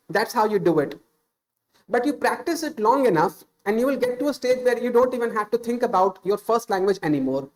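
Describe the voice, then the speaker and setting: The recording is rough, and the man's voice is high with a somewhat dark tone. He's in his thirties, speaks Hindi natively and has an Indian accent. On stream he gives relaxed, improvised advice about speaking English, earnestly, with frequent "uh"s and restarts.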